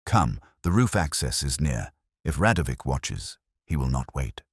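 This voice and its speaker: Man playing deep, incisive detective Sherlock Holmes. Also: sing-song, husky, dry recording, clean studio sound, full character voice. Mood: commanding. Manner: clipped, deliberate, incisive. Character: Sherlock Holmes, precise, commanding, analytical male detective.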